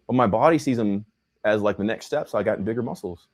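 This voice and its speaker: A young male host runs a casual livestream, speaking fast in a lowish voice. He's animated and slangy, constantly calling people "bro" and "man."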